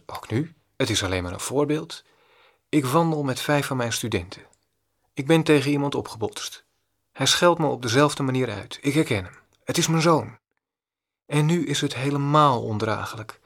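Male meditation teacher, gravelly mid-range voice, deliberate and repetitive delivery. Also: medium pitch. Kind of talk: read-aloud spiritual discourse.

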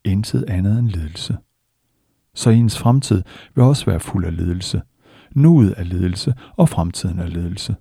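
A man with a very dark, gravelly voice delivers a spiritual discourse as a meditation teacher. He is slow, measured and earnest, with a husky edge. The recording is close and dry. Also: low voice, expressive, no room sound.

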